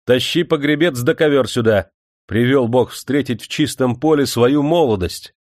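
A man voicing a warm, decisive nobleman who speaks heartfelt and commanding. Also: mid-range voice, sing-song, normal speed, no echo, clean studio sound, voice pushed up.

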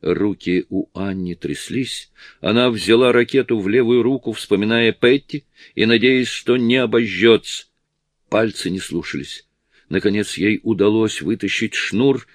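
Guy reading a novel, kinda low voice, steady, dead dry mic. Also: unhurried, no echo. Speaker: audiobook narrator. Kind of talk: scripted narration.

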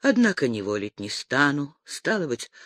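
A man voicing a stern, unyielding older trapper who speaks low, grave and measured. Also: sing-song, fairly bright tone, dry recording.

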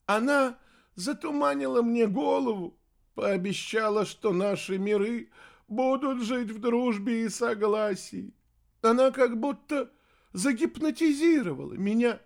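A man's voice: extremely high pitch, expressive, unhurried, vocal fry, voice pushed up, full character voice. A man voicing a cowardly, treacherous young heir who sobs and pleads, then snarls viciously, in an audiobook. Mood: sobbing pleading. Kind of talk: audiobook character voice.

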